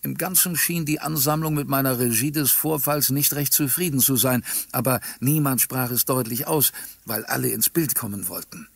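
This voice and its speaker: A man narrating a humorous audiobook story in a dry, ironic manner with a gravelly voice. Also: medium pitch, normal speed, dry recording.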